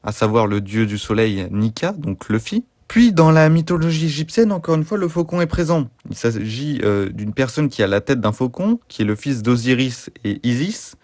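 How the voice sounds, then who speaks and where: A man in the middle of the male pitch range hosts a tongue-in-cheek theory video. He delivers his analysis with an over-earnest, deadpan seriousness and keeps stopping to hesitate. The recording is dry and close, with no room sound. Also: normal speed, few pauses, dry recording. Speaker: YouTube host.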